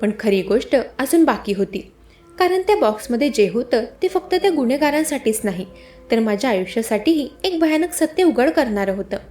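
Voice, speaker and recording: A woman narrating a scripted first-person story in a steady, dramatic storytelling manner. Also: on the high side, fairly quick.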